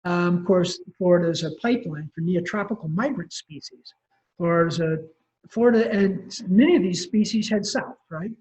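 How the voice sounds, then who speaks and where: A man's voice: high-pitched, moderate pace, darkish tone. Man, wildlife professor type, casual lecture, lots of ums, muffled webinar sound. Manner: casual, rambling, frequent ums and self-corrections. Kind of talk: conversational lecture.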